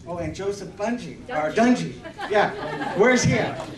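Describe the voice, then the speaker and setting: A man's voice: high-pitched, lively intonation, normal speed, crowd noise. A man leading a church meeting, chatty and joking as he calls people up to speak. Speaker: church program leader. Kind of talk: casual church meeting talk. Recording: echoey room, distant camera mic.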